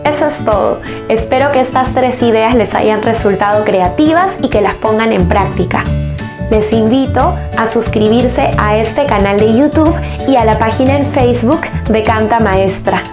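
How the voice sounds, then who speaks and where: A woman teacher calmly explaining classroom techniques to other teachers, in a clear, measured way. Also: on the high side. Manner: calm, clear, measured instruction. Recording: steady music playing under the voice.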